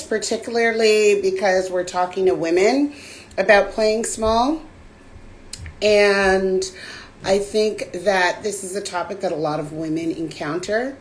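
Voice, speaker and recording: Raspy woman hosting a slow live chat. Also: medium pitch. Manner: relaxed and chatty, with frequent fillers. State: slightly hoarse from a cold. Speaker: host. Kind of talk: casual livestream chat. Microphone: phone on a live stream.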